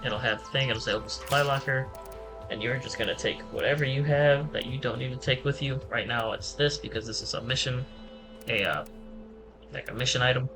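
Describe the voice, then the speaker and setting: Relaxed man giving game commentary. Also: mid-range voice, fairly quick, low-quality recording. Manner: relaxed, rambling, self-deprecating. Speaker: gaming channel host. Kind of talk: casual let's-play tutorial commentary. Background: game music.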